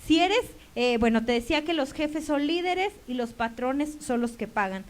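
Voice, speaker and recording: Mexican lady preacher, high voice, tells stories and acts out the dialogue in a sermon. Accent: Mexican Spanish. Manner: storytelling, acting out quoted dialogue.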